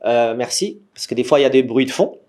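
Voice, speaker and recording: A man with a Moroccan French accent teaching an online workshop to startup founders over a video call, lively and questioning, with frequent restarts. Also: medium pitch, fast talker. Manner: lively, asks the group for agreement often, many restarts; says he is a gamer. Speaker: startup trainer. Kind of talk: online training lecture. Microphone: computer mic on a video call.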